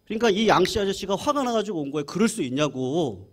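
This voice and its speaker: A man, a senior pastor, preaching a sermon as a lively story and acting out quoted voices. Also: high-pitched, fast talker.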